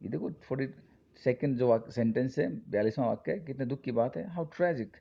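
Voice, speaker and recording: A man's voice: mid-range voice, a little fast, creaky, husky. A man teaching spoken English in Hindi, reading phrases aloud and repeating each English line for his students. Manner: reads sentence pairs aloud and repeats the English with a quiz-like "क्या बोलेंगे?". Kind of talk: Hindi-medium English lesson. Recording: dull lo-fi recording.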